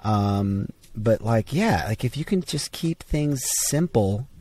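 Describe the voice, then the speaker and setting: A man's voice: mid-range voice, lively intonation, slow, a little mellow. A man in a casual tech discussion, starting sentences over with stammered restarts and fillers.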